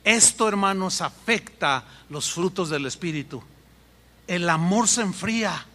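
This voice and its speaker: A man preaching a sermon as pastor, animated and acting out voices in his stories. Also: high-pitched, unhurried. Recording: echoey hall with long reverb.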